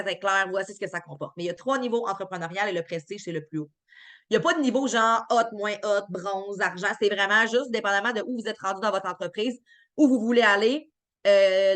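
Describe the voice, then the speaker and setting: A woman's voice: medium pitch, a bit bright. Woman, québécois french accent, live-stream q&a, chatty, upbeat, lots of fillers, playful. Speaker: team member answering chat questions. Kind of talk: live-stream Q&A reading chat questions aloud.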